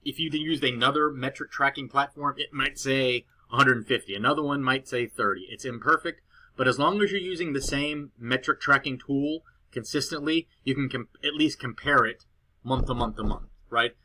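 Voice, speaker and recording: Man, bright voice, casual report walkthrough, rambling with restarts, home laptop recording. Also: medium pitch, normal speed. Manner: relaxed, rambling explanation with fillers and restarts. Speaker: SEO consultant presenting a client report. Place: girlfriend's house, indoors. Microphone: cheap laptop.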